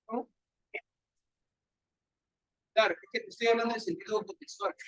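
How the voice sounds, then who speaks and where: A man with a Peruvian accent teaches a class, bantering and poking fun at his students. His voice sits high, and it is caught from a distance in a bare, echoey classroom. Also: big pitch swings, moderate pace, gravelly. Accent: Peruvian Spanish. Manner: playful, teasing banter with students. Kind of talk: classroom lecture.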